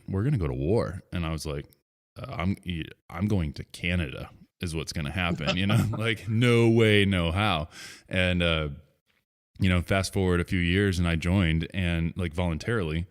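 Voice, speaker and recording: A man in his thirties hosting a podcast, talking in a casual, rambling way full of fillers and restarts. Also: low-pitched. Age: 30s. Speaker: podcast host. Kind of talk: casual interview chat.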